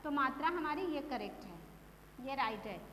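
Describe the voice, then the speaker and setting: High-pitched woman teacher, slow deliberate drilling, roomy echo, faint hum. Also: lively intonation, pushed and bright. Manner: slow drawn-out drilling of words, then brisk explanation. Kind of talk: Hindi phonics lesson for children. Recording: echoey room, faint hum.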